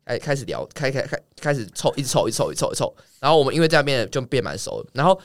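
In a casual chat, a young male guest swears his way through a fast, lively story. He has a medium-pitched voice, recorded with no echo.

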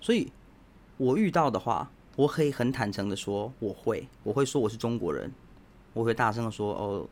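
A man's voice: mid-range voice, a little hiss or hum. A man with a Taiwanese Mandarin accent, hosting a podcast as a casual opinion monologue, blunt and provocative as he lectures his listeners directly. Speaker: podcast host.

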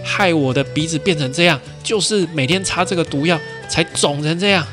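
A man playing a rough, hot-tempered male bandit in a storytelling podcast. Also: fairly high pitch, a little fast, fairly bright tone, soft background music, pitched above the performer's own voice, natural voice. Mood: furious.

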